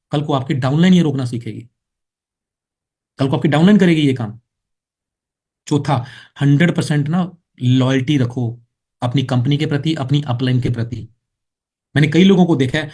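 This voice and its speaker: A man's voice: mid-range voice, a little mellow. A middle-aged man from India giving a preachy motivational training talk that turns to scolding and storytelling. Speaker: business trainer.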